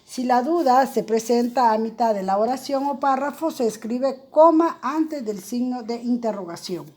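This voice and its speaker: A woman's voice: on the high side, normal speed, darkish tone. A woman teacher explaining grammar in a recorded lesson, speaking in an explanatory way with many fillers and tag questions.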